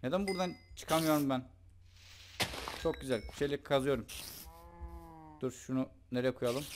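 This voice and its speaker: A man's voice: mid-range voice, normal speed, background noise. A young man giving casual, joking commentary over his own gameplay and talking to the creatures in the game. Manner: chatty, joking, talks to the game's mobs. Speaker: gaming YouTuber.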